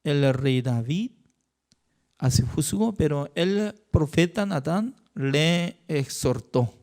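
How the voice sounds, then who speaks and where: A man preaching as a pastor in a Bible study sermon, telling the story in a halting, unhurried way. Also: a little high, expressive, darkish tone.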